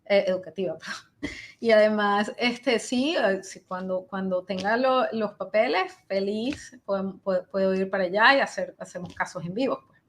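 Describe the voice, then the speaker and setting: A woman's voice: mid-range voice, moderate pace. A woman hepatologist answering questions in a webinar, thinking aloud with many fillers and restarts. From Venezuela. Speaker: invited speaker, hepatologist. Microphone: video call.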